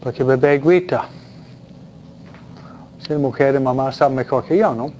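Man, priest, chatty, self-deprecating, mid pitch, dull recording. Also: normal speed, warm tone. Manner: chatty, self-deprecating humor, frequent "¿no?" tag questions. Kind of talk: informal Q&A talk with audience. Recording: dull lo-fi sound with faint noise.

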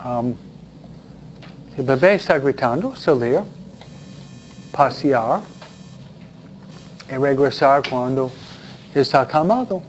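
A man's voice: mid-range voice, expressive, slow, long pauses. A priest talking informally with an audience, chatty and self-deprecating, often tagging his sentences with questions. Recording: dull lo-fi sound with faint noise.

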